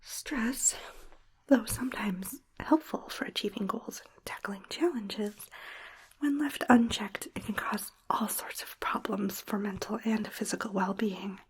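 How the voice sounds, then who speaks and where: Female ASMR performer for whispered role-play: breathy whisper, soothing and unhurried, very close on the mic. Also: medium pitch, rough recording. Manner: soothing, unhurried, murmured asides. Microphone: close ear-to-ear stereo microphone.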